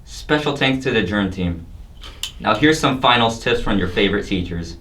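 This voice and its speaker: A man's voice: on the low side, animated, moderate pace, distant mic, a crowd in the background. A teenage boy anchoring scripted school announcements. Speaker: student anchor.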